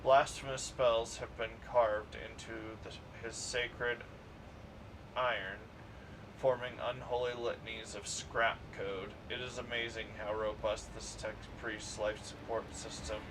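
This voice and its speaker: A man streaming a game, reading its narration in a plain, steady way. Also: fairly low pitch, unhurried. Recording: distant mic with clear background noise.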